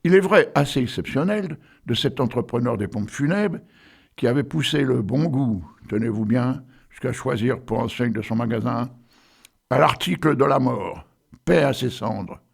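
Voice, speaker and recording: An older man hosts a local radio show, reading poems and chatting casually between them, rambling off into asides and fillers. His medium-pitched voice is creaky and husky, with lively intonation at a normal speed.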